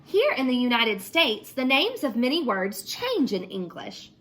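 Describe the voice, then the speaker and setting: A woman's voice: on the high side, unhurried. A woman teacher reading a picture book aloud to children and then asking the class questions about it. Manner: expressive, asks children questions.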